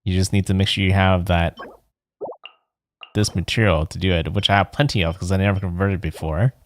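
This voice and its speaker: A man with a low voice livestreams a video game, chatting casually and rambling as he thinks aloud. His tone stays steady and his pace is fairly quick.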